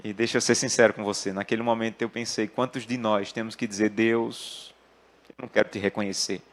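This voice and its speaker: A man's voice: lowish voice, level tone, brisk. A man preaching an earnest sermon and telling personal family stories. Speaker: pastor.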